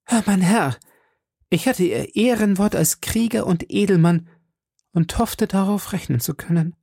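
A man voicing a reproachful young shopkeeper's wife, with a gravelly voice raised high. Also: unhurried, darkish tone, dry recording, clean studio sound, full character voice.

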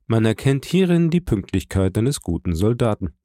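A man reading an audiobook, voicing a dignified count who speaks in a measured, gently persuasive way. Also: fairly low pitch, big pitch swings, no echo, studio quality. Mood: calm. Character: dignified aristocratic older count, calm and kindly. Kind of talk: audiobook character voice.

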